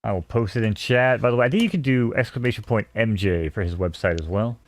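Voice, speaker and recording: A man's voice: fairly low pitch, lively intonation, quick pace. A man co-hosting a live stream, chatting loosely and casually with some swearing. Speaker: stream co-host.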